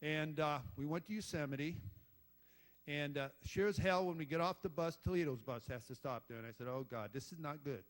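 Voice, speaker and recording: Delivering his induction speech at a moderate pace, this former football head coach has a voice on the high side. He's a blunt, salty older storyteller who rambles through after-dinner tales, cursing and trading jokes with the audience.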